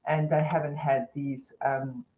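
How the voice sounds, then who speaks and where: A woman's voice: sits low, little pitch movement, unhurried. A woman with a New Zealand accent presents a teaching webinar in a chatty, conversational way, with many fillers. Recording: dull lo-fi webinar audio.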